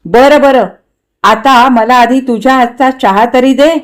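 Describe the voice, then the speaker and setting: A woman voicing a loyal, easygoing male friend in a read-aloud story, who speaks in a calm, reasoning tone. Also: high voice, a little slow. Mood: friendly.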